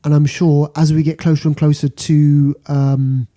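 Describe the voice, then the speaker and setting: A man's voice: fairly high pitch, level tone, measured pace, mellow. A British man hosting a casual film podcast, talking through rankings informally and repeating phrases for stress. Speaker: podcast host. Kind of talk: casual box office rundown.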